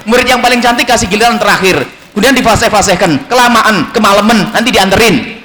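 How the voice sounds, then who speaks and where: Fast, bright-voiced man preaching in a hall. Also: high-pitched. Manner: animated, acts out dialogues in changed voices. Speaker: Islamic preacher. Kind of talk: sermon to students. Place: school hall with audience. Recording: echoey hall, long reverb.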